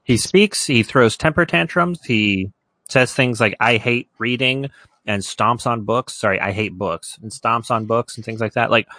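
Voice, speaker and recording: A man's voice: mid-range voice, normal speed, sharp tone, no echo. A man hosting a casual podcast about a video game, joking and laughing easily. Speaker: podcast host. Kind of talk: casual chat.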